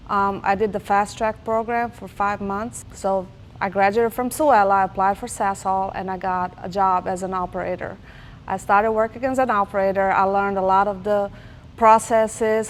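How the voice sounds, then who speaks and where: A woman from Croatia, a panel guest and logistics analyst, who talks in an earnest, polite, slightly halting way. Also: medium pitch, a little hiss or hum. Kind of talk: panel interview.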